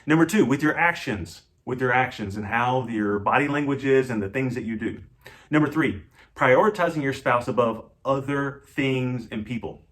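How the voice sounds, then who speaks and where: A man's voice: medium pitch, moderate pace, fairly bright tone. A man co-hosting a marriage channel in an earnest, encouraging and playful casual chat.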